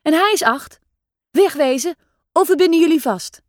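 A woman's voice: high voice, animated, moderate pace, dry recording, studio quality, voice pushed up. A woman voicing a rude, taunting boy of seven who bullies younger children in a storybook. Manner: taunting, rough.

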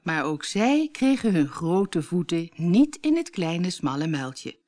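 A woman narrating a fairy tale as a storybook read-aloud, expressive and lively. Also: lowish voice, slow.

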